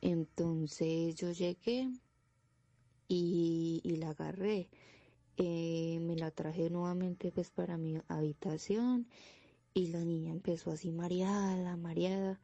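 A woman's voice: on the low side, steady tone, slow pace, mellow, no echo, muffled recording. A woman telling a personal paranormal story in a casual way, with many "pues" fillers. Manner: plain storytelling, fills with "pues".

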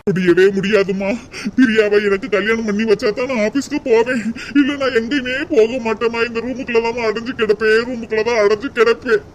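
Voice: medium pitch, steady tone, a little hiss or hum, natural voice. A performer voicing a lovesick, stubborn young man in a cartoon, sobbing and pleading. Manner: sobbing, drawn-out lament. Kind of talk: cartoon voice acting.

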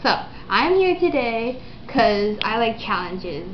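A woman's voice: fairly high pitch, big pitch swings, takes it slowly. A young woman chatting casually to the camera as a vlogger. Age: young adult. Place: home dining room, indoors. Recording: dull, noisy, echoey webcam audio.

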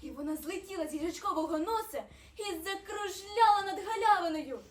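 Brief: woman narrator for a children's storybook, very high voice, expressive, roomy distant recording. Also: a little fast. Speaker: actor reading a fairy tale. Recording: roomy, distant mic, faint ambience.

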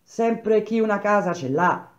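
A man's voice: sits high, animated, a little slow, highs cut off, voice pushed up. A man voicing an indignant, earnest laborer from the countryside who pleads for fairness. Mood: pleading.

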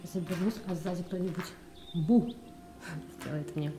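A woman giving casual walking commentary as she explores an abandoned building, often dropping her voice to a hush. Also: on the low side, moderate pace. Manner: chatty, half-hushed, often drops to a whisper. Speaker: urban explorer vlogger. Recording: echoey empty rooms with music. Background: background music.

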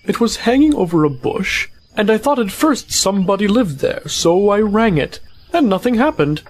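A man's voice: sits high, very animated, moderate pace, slight background noise. A man voicing a pompous, long-winded old male owl in an amateur family audio drama. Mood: proud. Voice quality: fussy, long-winded, self-important.

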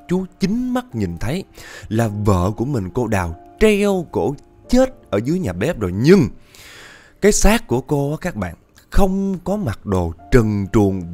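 A man with a Southern Vietnamese accent narrating a ghost story, talking directly to his listeners in an animated way. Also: mid-range voice. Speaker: podcast storyteller.

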